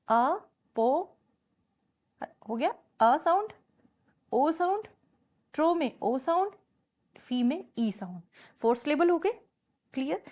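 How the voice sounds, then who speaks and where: Slow, high-voiced woman teacher. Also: darkish tone. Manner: mixes Hindi and English, checks understanding with repeated questions; slow, patient, repeats example words syllable by syllable. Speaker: English teacher. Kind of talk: classroom lesson explanation.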